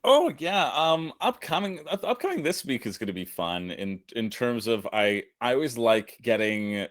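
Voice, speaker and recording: On a casual board game live stream, a man co-hosting as a guest content creator tells stories animatedly, acting out what his friends said and laughing often. His voice is medium-pitched at a normal speed, recorded in studio quality with no room sound.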